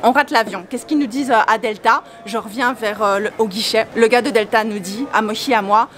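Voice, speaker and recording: Animated exasperated young woman vlogger. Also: fairly high pitch, fairly quick. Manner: animated, exasperated, swears freely. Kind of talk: casual storytelling vlog.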